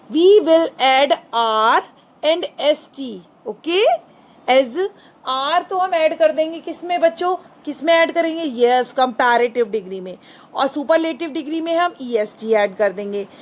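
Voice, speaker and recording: High-voiced woman teaching grammar slowly. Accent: Indian English. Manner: patient, asks questions and answers them herself; calls listeners "children", mixes Hindi and English. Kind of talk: bilingual grammar lesson. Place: indoors, screen recording.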